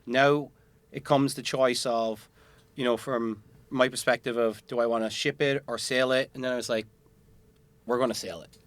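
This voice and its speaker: A man chatting about his boat on a podcast, wandering through his thoughts with fillers and restarts. His voice sits at an ordinary pitch, recorded close and dry with little room sound. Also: fairly even intonation, normal speed, a bit bright, no room sound. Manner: rambling, many fillers and restarts. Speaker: boat owner guest. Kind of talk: casual podcast chat.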